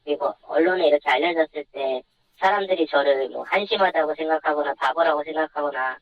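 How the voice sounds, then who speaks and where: Pitch-shifted anonymous voice on a dull phone line. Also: brisk. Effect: voice disguised with a deep pitch shift. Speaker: anonymous interview guest. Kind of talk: phone-in news interview.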